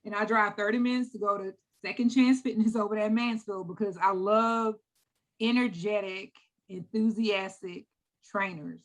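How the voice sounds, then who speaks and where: A woman's voice: medium pitch, steady tone, moderate pace. A middle-aged woman from the United States chatting as an interview guest, enthusiastic and talkative, repeating words when she gets going. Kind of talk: casual interview chat.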